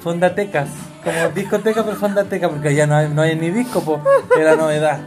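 A man's voice: a little high, steady tone, fast talker, loud music behind the voice. A Chilean man co-hosting a podcast, telling a rambling story in casual chat and laughing as he goes. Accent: Chilean Spanish. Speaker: podcast co-host.

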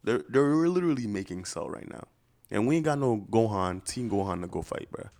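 Animated, gravelly young frat bro. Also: male voice, lowish voice, brisk. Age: young adult. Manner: slangy frat-bro way of talking. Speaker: podcast co-host. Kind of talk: casual podcast banter.

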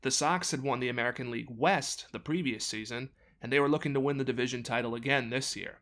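A man's voice: mid-range voice, fast, a bit bright. Wry man narrating a sports story. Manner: wry, sarcastic asides. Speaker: podcast host.

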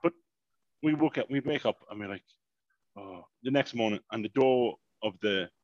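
A man, telling a long, animated story in casual podcast chat and swearing freely. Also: medium pitch, normal speed, no room sound, lo-fi sound. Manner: animated, swears freely, repeats "mayhem" and "unbelievable". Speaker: podcast co-host.

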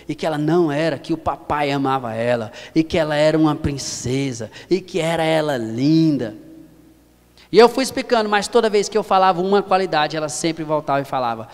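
High-voiced Brazilian preacher in a reverberant hall. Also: male voice. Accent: Brazilian Portuguese. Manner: earnest, repeats phrases for emphasis. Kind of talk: sermon.

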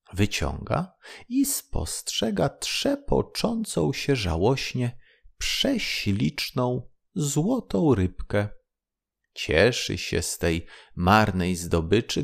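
A man narrating a bedtime story in a slow, soothing storytelling manner. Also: mid-range voice, creaky.

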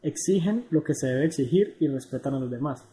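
A man reading a scripted educational narration in an even, measured way. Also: medium pitch, slight background noise.

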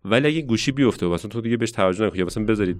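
A man who works as a science educator, telling stories in a relaxed conversational way and thinking aloud as he reflects. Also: on the low side, dry recording, studio quality. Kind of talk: casual conversational storytelling.

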